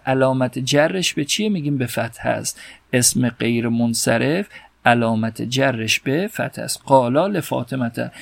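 A man teaching an Arabic grammar lesson, explaining step by step and repeating examples slowly. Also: medium pitch, vocal fry, no echo.

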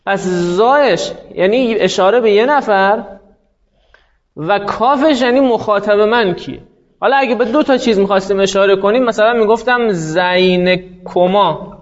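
A man teaching a classroom grammar lesson, explaining step by step and slowly spelling out example words. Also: sits high, lo-fi sound.

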